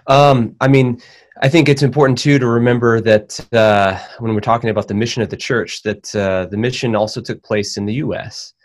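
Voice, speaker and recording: A man speaking as a panel guest, telling a biography in a thoughtful, conversational way with frequent pauses and restarts. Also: mid-range voice, fairly even intonation. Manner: thoughtful, many fillers and restarts.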